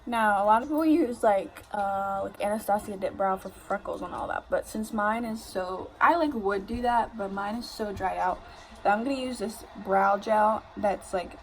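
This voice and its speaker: Young woman, tipsy drunk rambling, casual makeup vlog chat, slangy, medium pitch, faint room noise. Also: moderate pace. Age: young adult. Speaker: makeup vlogger. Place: living room at home, indoors. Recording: noisy home room recording.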